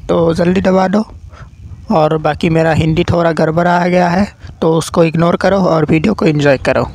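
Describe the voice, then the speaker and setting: A man giving casual, excitable gameplay commentary, swearing and yelling at his teammates as he plays. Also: high-pitched, poor audio. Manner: excitable, swears and yells at teammates mid-game. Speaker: gaming commentator.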